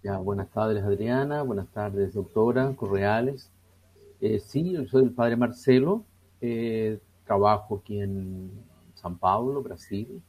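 A man's voice: on the low side, a little mellow, husky. A Chilean man in his sixties, a priest speaking as a guest in a radio interview, hesitant and full of fillers. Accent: Chilean Spanish. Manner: slow and hesitant, many fillers.

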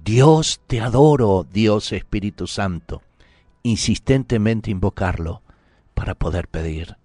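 A man's voice: fairly low pitch, a little mellow, no room sound. A man preaching a sermon in an earnest, pleading, intimate way, sometimes dropping to a whisper.

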